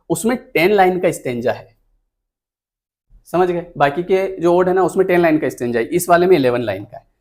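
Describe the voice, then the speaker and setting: Male tutor, exam-prep lecture voice-over, talks through slides step by step, counts items aloud, pitch a bit high. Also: darkish tone. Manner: explains step by step with frequent "है ना?" check-ins; counts items aloud while pointing at the screen. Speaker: teacher.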